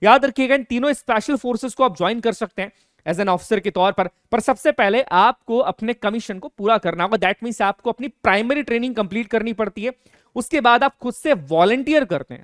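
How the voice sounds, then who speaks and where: An earnest man lectures students in an emphatic, direct way. His voice is high and smooth. The recording is dry and close. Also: a bit bright, dry recording. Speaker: teacher. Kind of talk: educational lecture.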